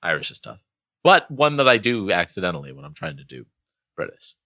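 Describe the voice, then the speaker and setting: A man co-hosting a podcast in relaxed, rambling casual chat, often correcting himself as he goes. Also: sits low, brisk, no echo, studio quality. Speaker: podcast co-host.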